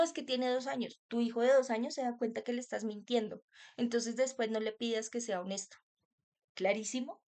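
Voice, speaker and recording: A woman's voice: on the high side, darkish tone. A woman, a mother giving a talk on child wellbeing, earnest and direct, asking her listeners rhetorical questions. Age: adult parent. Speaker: parenting workshop speaker.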